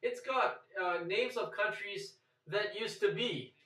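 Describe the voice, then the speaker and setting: A man's voice: sits high, pushed and bright. A man co-hosting a casual chat, asking questions and agreeing along. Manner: chatty, asks questions, quick to agree. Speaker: co-host. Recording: roomy echo, mic at a distance.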